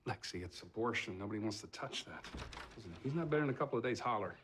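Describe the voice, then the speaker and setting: A man's voice: fairly low pitch, expressive, fast, fairly bright tone, a little hiss or hum. An actor playing an easygoing but cautious male family doctor in a naturalistic TV drama. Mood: wary, frank. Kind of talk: naturalistic film acting.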